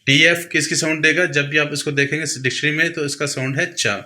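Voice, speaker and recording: Bright-voiced man teaching sounds. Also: fairly high pitch, fairly even intonation. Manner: patient, repeats each sound slowly for the learner. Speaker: pronunciation teacher. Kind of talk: explaining a lesson.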